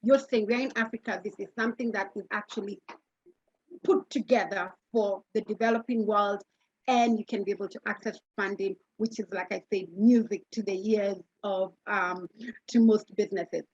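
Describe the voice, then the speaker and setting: Breathy woman moderating a panel. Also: medium pitch, fairly even intonation, normal speed, darkish tone, dry recording, lo-fi sound. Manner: enthusiastic, affirming, introduces speakers.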